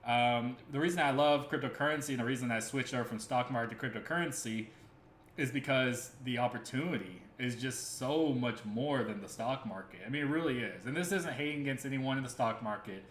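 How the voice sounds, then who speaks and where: Speaking a little fast with a somewhat bright, medium-pitched voice, a crypto stream host rambles earnestly through casual livestream talk, full of fillers and self-corrections. His voice echoes around the room above a faint ambient hum.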